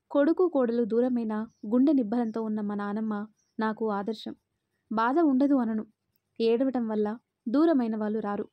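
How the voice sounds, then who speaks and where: A woman reading aloud, voicing a stern but caring young husband who scolds and then gently consoles. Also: fairly high pitch, no room sound, muffled recording, natural voice.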